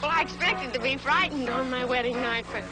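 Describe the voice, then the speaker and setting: A nervous young bride in a 1950s horror comedy film, played by an actress. Her voice is high and set against loud music. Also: a little fast, lightly acted. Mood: shaken.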